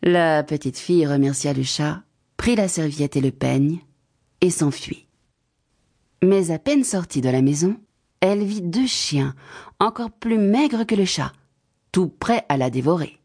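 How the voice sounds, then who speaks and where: Woman storybook narrator, lowish voice, expressive. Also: measured pace. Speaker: audiobook narrator.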